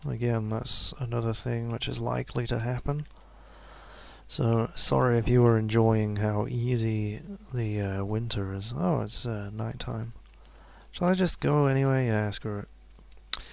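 A man giving relaxed, casual commentary while playing a game, musing to himself and laughing softly now and then. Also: mid-range voice, a little slow, creaky. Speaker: let's play gamer.

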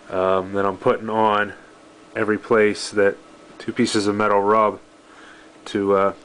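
A man with a low, flat voice talks through his engine rebuild step by step, pausing often on fillers as he explains. He is recorded on a camera held close in a home workshop. A faint hum of workshop noise sits behind him. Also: low-quality recording. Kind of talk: off-the-cuff workshop tutorial.

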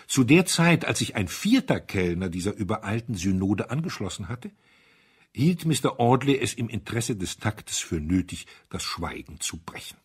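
A man narrating a radio play in an expressive, storytelling manner. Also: fairly low pitch, husky.

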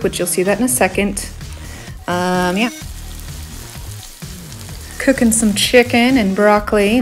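A chatty woman in her thirties talks through her home renovation in a casual vlog voice-over. She is blunt and relaxed, often filling pauses with "um". Faint music plays underneath. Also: mid-range voice. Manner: chatty, blunt, with frequent "um" fillers.

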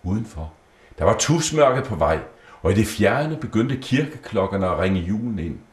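A man reading a children's Christmas story aloud in a gentle, storybook way. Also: on the low side, very animated. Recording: roomy echo.

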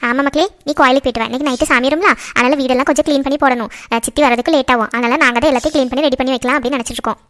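A woman's voice: sits high, fairly even intonation, rapid-fire, few pauses, fairly bright tone, pitched below the performer's own voice. A woman voicing a worried, caring middle-aged mother in a cartoon, fussing and asking questions. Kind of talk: cartoon voice acting.

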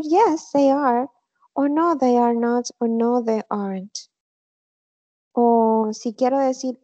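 A woman teaching an online English class, speaking slowly and carefully and repeating example phrases. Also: on the high side, a little mellow, no echo. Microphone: computer mic on a video call. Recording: slightly dull online class audio.

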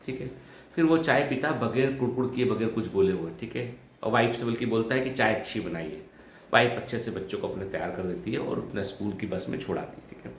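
A man's voice: lowish voice, animated, fast talker. A man hosting a vlog, telling a story in a casual, conversational way and often adding "ठीक है" as a tag. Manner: conversational, with frequent "ठीक है" tags. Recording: roomy echo, faint background noise.

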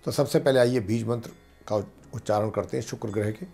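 Calm astrologer explaining mantras. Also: male voice, medium pitch, brisk, vocal fry, soft background music. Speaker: astrologer and pandit. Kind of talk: devotional teaching talk.

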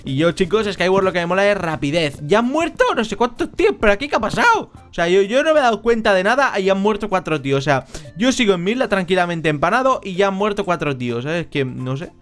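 Casting: joking Spanish man from Spain, high voice, gaming commentary into a headset, faint music under it. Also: big pitch swings, fast. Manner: chatty, joking, bursts into shouts. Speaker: Minecraft gameplay YouTuber. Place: at home.

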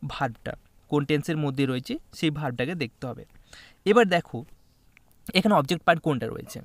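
A young male tutor walks students through exam grammar questions. He coaxes them along and keeps checking that they follow. His voice sits a little high, and it is recorded close and dry with no room echo. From West Bengal, India. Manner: coaxing, checks in often with "okay?". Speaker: exam coaching teacher. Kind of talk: online English grammar lesson in Bengali.

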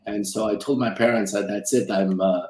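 A man's voice: on the low side, steady tone, normal speed, darkish tone, reverberant, a little hiss or hum, poor audio. A middle-aged man from Romania, a guest in a casual interview, talking from a home office over a webcam, rambling and repeating words as he thinks. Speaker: guest, film financier. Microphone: video call webcam.

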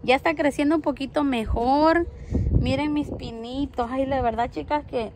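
High-voiced young woman chatting to her followers about her house, sweet and friendly, a bit of hiss behind her. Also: moderate pace. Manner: warm affectionate, chatty, many diminutives; switches to doting tone talking to her child. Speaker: home decor vlogger. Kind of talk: casual vlog chat to viewers. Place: at home, yard and car outdoors.

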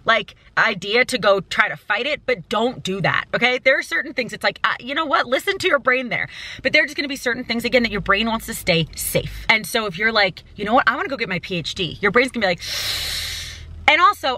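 A young woman in her twenties giving an animated motivational talk to camera from inside a parked car. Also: a little high. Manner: animated, gestures a lot, mimics doubting voices. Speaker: travel vlogger. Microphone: small camera's built-in mic at arm's length.

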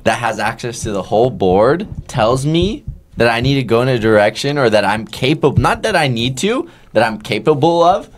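Young male co-host, laid-back bro talk, average-pitched voice. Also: very animated, moderate pace, slight background noise. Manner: laid-back, says "dude" and "bro" a lot. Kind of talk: casual podcast chat.

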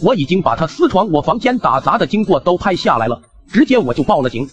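A man's voice: fairly high pitch, sing-song, fast, highs cut off. A young man narrating his own comic cartoon story in a chatty, wry way.

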